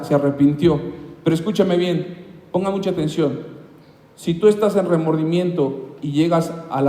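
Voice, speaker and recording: High-voiced pastor preaching in a hall. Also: male voice. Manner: impassioned, swinging between loud highs and quiet lows. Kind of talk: sermon. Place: church.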